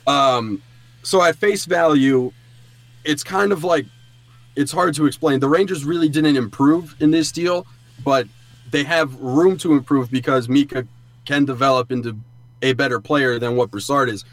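In a studio sound booth with no echo, a podcast co-host chats informally about sports, explaining things conversationally. His voice is medium-pitched and moderately paced.

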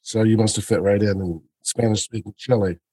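Mellow-voiced male interviewer. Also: fairly low pitch, steady tone, brisk, breathy edge, no echo. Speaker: interviewer, host. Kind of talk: casual chat, interview.

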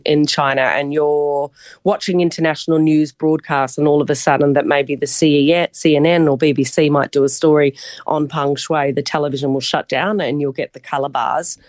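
A woman's voice: sits low, steady tone, moderate pace, a little mellow, no room sound, studio quality. A woman with a broad New Zealand accent giving a chatty, articulate and emphatic sports report as a commentator on a live radio cross.

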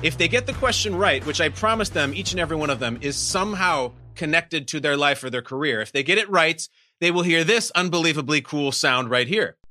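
A man's voice: fairly high pitch, lively intonation, a little fast, music in the background. A man hosting a podcast quiz with emphatic, mock-dramatic showman banter. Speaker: podcast game show host. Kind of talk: high-energy game show hosting banter.

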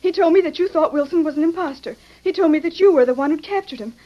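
A woman's voice: sits high, quick pace, close to an everyday voice. An American woman playing a brave, earnest young western ally, anxious and pleading in melodramatic old radio style. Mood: remorseful. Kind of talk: 1940s-50s radio western acting. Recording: dull vintage radio recording.

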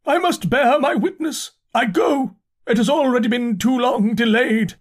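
A man voicing an insane curate in an audiobook, crying out religious doom in drawn-out, declamatory wails. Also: very high voice, voice pushed up. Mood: frenzied prophesying. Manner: wailing, declamatory, drawn-out preaching cries. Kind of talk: dramatised audiobook character.

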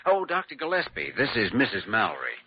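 An actor playing an earnest, courteous young hospital doctor with an American accent in a classic radio drama. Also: male voice, medium pitch, wildly swooping pitch, fast, breathy edge, dry recording. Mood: businesslike. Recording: muffled old radio recording, faint noise.

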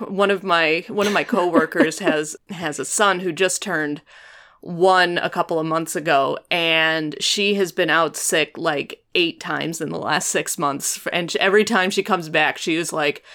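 A woman's voice: deep voice, steady tone, a little slow, fairly bright tone. Chatty woman hosting a podcast. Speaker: podcast host. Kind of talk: casual conversational chat.

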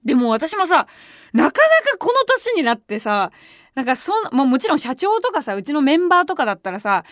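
A woman hosts a casual radio talk show, racing through her stories with animated, excitable energy. Her voice sits a little high, and the studio sound is dry and close, with no room echo. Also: brisk. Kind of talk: casual solo radio chat. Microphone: studio microphone.

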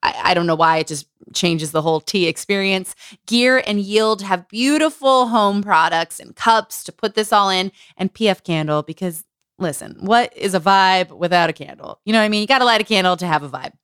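A woman hosting a podcast, recapping a memoir in lively casual chat, laughing, swearing and acting out quotes. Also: medium pitch, brisk, clean tone, dry recording, studio quality. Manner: animated, laughing, swearing, quotes with dramatic flair. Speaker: podcast host.

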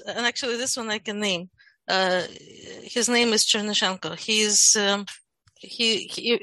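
A Ukrainian woman whose first language is Russian joins a casual group discussion as a guest, explaining her views. She speaks haltingly, with many restarts and fillers, in a mid-range voice that is pushed and bright. There is no echo.

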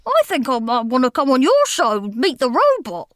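A woman's voice: high voice, huge pitch swings, normal speed, no echo, clean studio sound. A woman voicing a cheeky, bossy, boastful schoolboy who giggles a lot.

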